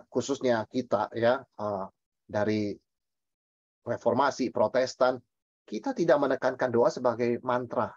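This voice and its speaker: Male pastor teaching Bible study, emphatic and lively, mid-pitched, dry muffled recording. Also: slightly rough, no echo. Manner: lively, emphatic, asks and answers his own questions; mixes in English words.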